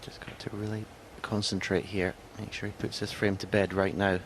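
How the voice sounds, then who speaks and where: A man's voice: lowish voice, little pitch movement, normal speed. A man giving conversational analysis in live snooker commentary. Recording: clear background noise, arena ambience.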